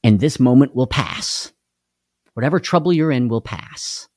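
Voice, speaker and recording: Man, live devotional host, earnest, repeats phrases, warm low voice, dry room. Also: lively intonation, unhurried, dry recording.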